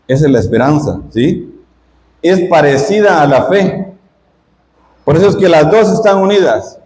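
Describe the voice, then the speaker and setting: A man's voice: on the high side, lively intonation, normal speed, darkish tone. A middle-aged man from Guatemala, a lay missionary giving a parish retreat talk in a conversational, teaching way, asking the audience questions. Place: church hall. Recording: echoey parish hall.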